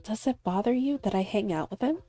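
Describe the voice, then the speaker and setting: A woman's voice: mid-range voice, lively intonation, brisk, warm tone, faint music behind, voice pushed up, close to an everyday voice. Woman voicing a puzzled, pleading young girl. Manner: pleading, questioning.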